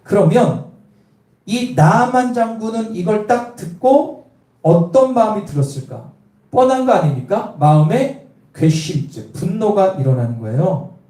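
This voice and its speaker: A man's voice: high voice, very animated, measured pace, mellow. A male pastor preaching a sermon, telling the story and quizzing the congregation with questions. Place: church. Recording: echoey room, voice from a distance.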